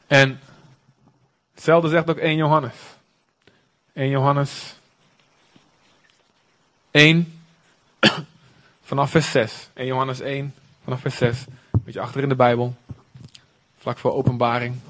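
A man's voice: mid-range voice, level tone, measured pace, long pauses, a bit bright. A man preaching a sermon in an earnest, conversational way, with emphatic moments.

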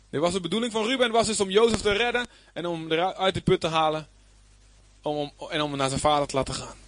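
A man teaching from the Bible, slightly higher pitched than most men, reading passages and then unpacking them with emphatic, searching delivery. The sound is dry and close, with little room around it. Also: a bit bright, dry recording. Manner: reads scripture aloud, then explains it plainly. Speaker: preacher.

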